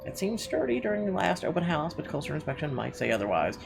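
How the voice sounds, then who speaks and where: His voice a little high, with big pitch swings, a fast-talking man hosts a gaming video. He reads the narration aloud and throws in irreverent, profane, casual reactions while game music plays clearly in the background.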